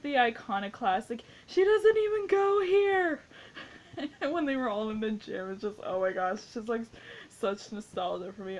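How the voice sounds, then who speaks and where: A woman's voice: mid-range voice, darkish tone, slight background noise. Gushing young woman rambling about a film. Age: 20s. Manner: rambling, gushing, heavy use of "like". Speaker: movie reviewer. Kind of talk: casual spoken movie review.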